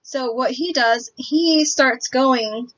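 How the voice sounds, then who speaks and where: Woman, fairly high voice, hesitant halting presentation, frequent mid-sentence pauses, dull recording. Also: fairly bright tone, a little hiss or hum. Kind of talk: semi-scripted picture book summary presentation. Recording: dull, lo-fi audio.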